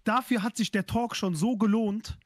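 A man hosting a casual livestream talk, reacting with quick exclamations and telling his own story in halting restarts. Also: high-pitched, steady tone. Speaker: livestream host. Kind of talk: casual chat.

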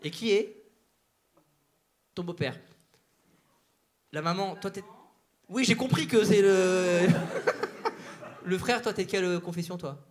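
A male stand-up comedian doing crowd work on stage, teasing audience members with quick banter. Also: high voice. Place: theater stage before a live audience. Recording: live show with loud audience laughter and noise.

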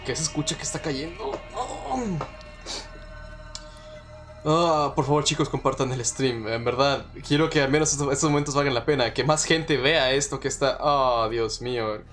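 A man's voice: medium pitch, fairly even intonation, brisk, few pauses, a bit bright, soft background music. A man with a Mexican Spanish accent commentating a live horror game stream, jumpy, swearing and nervously repeating himself. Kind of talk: live let's-play commentary.

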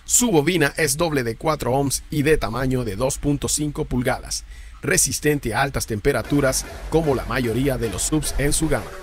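At a moderate pace and medium pitch, a man reads a scripted rundown of subwoofer specs and prices for a car audio channel. He goes through the lists in an even, explanatory tone while music plays behind him.

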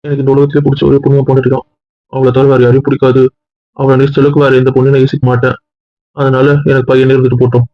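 Rapid-talking man, clingy and pleading. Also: medium pitch, completely flat delivery, dull audio. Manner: clingy and pleading, calling his wife and friend dear. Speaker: husband in a family skit. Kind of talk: casual family banter.

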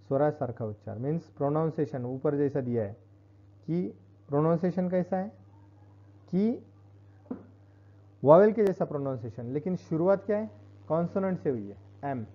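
A man teaching English grammar in a classroom-style lesson, explaining slowly and repeating each point. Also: a little high, lively intonation. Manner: explains slowly, repeats points, switches between Hindi and Marathi. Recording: dull lo-fi recording.

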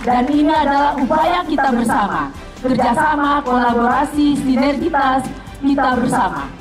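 Female official, high voice, rallying outdoor speech. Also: moderate pace, reverberant, faint music behind. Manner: rousing, calls for applause. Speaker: government official giving a speech. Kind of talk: formal speech at a podium. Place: outdoor field event. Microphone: podium microphone.

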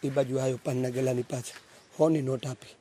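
A man giving a storytelling motivational talk at a student camp, animated and preachy, questioning his audience. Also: medium pitch, brisk, a little hiss or hum. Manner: animated, acts out dialogue and asks the audience questions; preachy, rousing. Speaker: speaker at a student values camp.

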